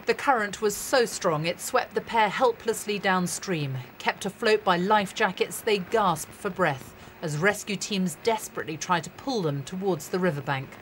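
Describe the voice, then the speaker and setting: A woman's voice: medium pitch, moderate pace, hardly any pauses, a little hiss or hum, poor audio. A woman reporter narrating a scripted news report in a dramatic, descriptive way.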